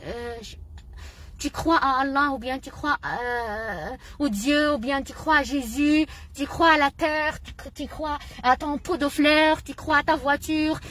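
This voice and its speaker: High-voiced indignant woman. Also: measured pace, a bit bright. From Morocco. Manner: indignant, emotional, repeats phrases. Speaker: vlogger. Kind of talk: impassioned personal monologue.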